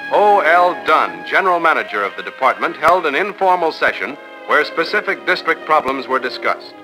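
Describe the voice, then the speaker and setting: Guy doing old 1950s newsreel items, upbeat and brisk, kinda high bright voice, faint music under it. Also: low-quality recording. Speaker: newsreel co-announcer.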